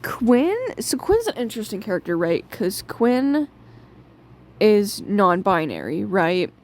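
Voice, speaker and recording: A woman's voice: mid-range voice, very animated, takes it slowly, darkish tone. A young woman hosting a casual video review, chatty and opinionated, full of filler words.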